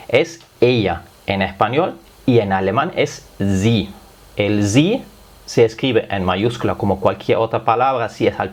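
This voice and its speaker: A man whose first language is German, speaking Spanish with a slight German accent, patiently teaching a language lesson step by step. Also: mid-range voice. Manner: patient, step-by-step explaining with frequent "es decir". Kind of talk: explanatory lesson.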